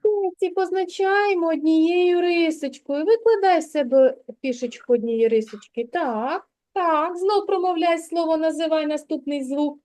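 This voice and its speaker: A woman's voice: very high-pitched, moderate pace, hardly any pauses, a little mellow. A kindergarten teacher, a woman, guiding a young child through a literacy lesson, patiently coaxing and sounding out syllables in a classroom.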